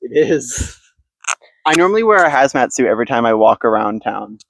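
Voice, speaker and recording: A man co-hosting a podcast in casual chat, teasing in a dry, deadpan way, recorded outdoors on a handheld mic. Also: mid-range voice, a little fast, creaky, a little hiss or hum, low-quality recording. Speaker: podcast co-host. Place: outdoors in the woods. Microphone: handheld mic passed between speakers.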